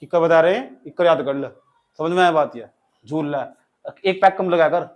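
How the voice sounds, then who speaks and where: A man's voice: fairly high pitch, a little fast. A male teacher, quizzing and teasing students in a classroom lecture. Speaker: grammar teacher.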